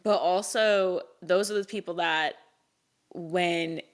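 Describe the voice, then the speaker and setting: Young female co-host, casual podcast chat, rambling, lots of "like" and "um", a little low. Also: steady tone, slow pace. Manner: rambling, filler-heavy, laughs often.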